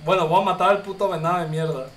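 A man's voice: sits high, fairly even intonation, quick pace, recorded from a distance. A man streaming a game, crude and joking, a little tipsy. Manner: crude, joking, loud outbursts. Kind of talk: casual game streaming, translating game text aloud. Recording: echoey room with background noise, off-mic.

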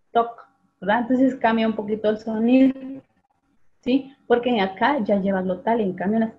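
A woman teacher runs an online class, patiently calling on students by name and repeating sounds slowly. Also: medium pitch. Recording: tinny phone-like video call audio.

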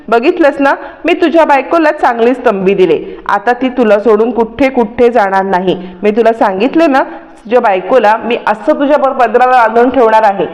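A woman's voice: fairly high pitch, a little mellow, natural voice. A woman doing a fussy, doting mother. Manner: mock-stern, warning tone.

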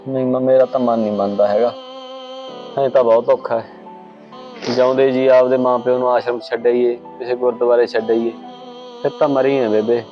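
A man's voice: mid-range voice, flat delivery, brisk, muffled recording, soft background music, close to an everyday voice. A man playing a dutiful son and husband who is torn between his mother and his wife, and who pleads earnestly. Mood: pleading, earnest.

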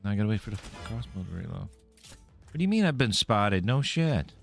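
A man's voice: lowish voice, sing-song, moderate pace, vocal fry, soft background music. A man streaming a game live, commenting casually, swearing freely and taunting the enemies he fights.

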